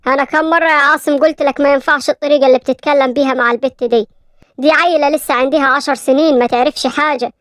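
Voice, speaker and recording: Mohamed, a woman doing a gentle father. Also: sits high, steady tone, rapid-fire, dry recording, clean studio sound. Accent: Egyptian Arabic. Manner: soothing, affectionate. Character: kind wealthy father, gentle and firm.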